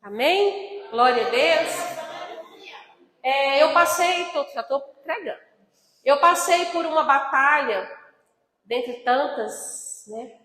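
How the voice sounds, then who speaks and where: A woman's voice: sits high, expressive, takes it slowly, pauses often, a bit bright, roomy sound, big-room sound. A woman in her fifties preaching a sermon, telling a personal testimony with emotion and speaking straight to the congregation. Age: 50s. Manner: emotional storytelling, addresses congregation as brothers.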